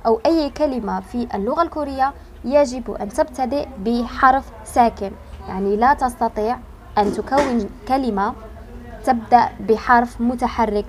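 A woman teaching an online language lesson, explaining slowly and patiently, stretching key words and pausing to think. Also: on the high side, slight background noise.

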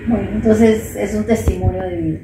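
A woman interviewing for local television, gentle, formal and courteous. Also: mid-range voice, steady tone, brisk. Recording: roomy, distant mic, audible noise.

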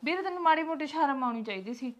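A woman's voice: sits high, animated, very fast. A woman playing a stern grown daughter who scolds her brother and his wife for mistreating their father. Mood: scolding.

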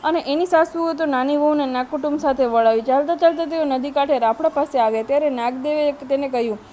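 A woman narrating a devotional folk tale in a gentle storytelling manner, addressing her listeners as friends. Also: sits high, fast, a little hiss or hum, poor audio.

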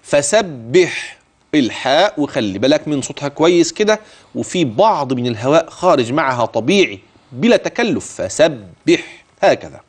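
Man, Egyptian accent, middle-aged, Quran recitation teacher, raised voice, very lively intonation, asks and answers himself. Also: a little high, normal speed. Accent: Egyptian Arabic. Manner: lively, answers his own imagined student questions. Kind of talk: tajweed lesson with recited verses.

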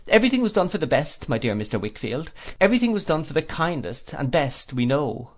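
A man reading an audiobook, voicing a pompous, gushing older woman in a high, theatrical voice. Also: sing-song, a little fast. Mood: insistent.

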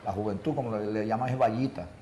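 An older man from Margarita Island with a Venezuelan accent answering interview questions in short, soft phrases. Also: on the low side, fast. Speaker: guest musician. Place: TV studio. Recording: distant roomy mic with noise.

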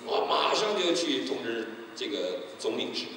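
A middle-aged man preaches a testimony sermon, acting out each character with a very lively pitch. The sound comes from far off in a big reverberant church hall. Steady background noise sits under his voice. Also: moderate pace. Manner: animated storytelling, acting out quoted people. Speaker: pastor. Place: church sanctuary. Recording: echoey hall, distant mic, noisy.

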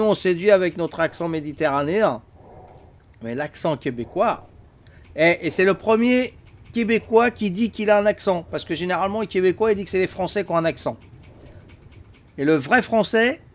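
An older man with a Corsican accent, chatting casually and teasingly with viewers while playing a game on a live stream. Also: sits high. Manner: teasing, chatty, peppers talk with "hein".

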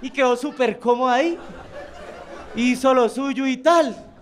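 Colombian man, stand-up comic, high voice, crude animated storytelling on a club stage. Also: unhurried, crowd noise, background noise. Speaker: stand-up comedian. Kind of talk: stand-up comedy routine.

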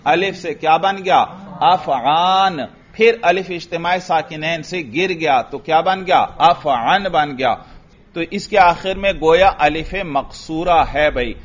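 A man's voice: fairly high pitch, lo-fi sound, slight background noise. Pakistani man teaching Arabic grammar. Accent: Pakistani Urdu. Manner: asks students questions and answers them himself, often adds "bhai"; recites Arabic text slowly in a chanting tone. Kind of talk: classroom lecture.

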